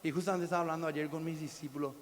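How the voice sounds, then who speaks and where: A male pastor preaching a sermon, swinging between sudden shouts and quiet, intimate drops. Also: on the high side, steady tone, racing, big-room sound, a little hiss or hum. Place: church hall.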